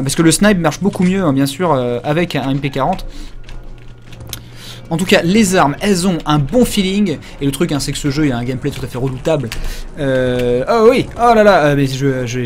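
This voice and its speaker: A man's voice: fairly high pitch, a little fast, slight background noise. A man giving casual live commentary while playing a video game, rambling and crude, joking with many fillers. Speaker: game streamer.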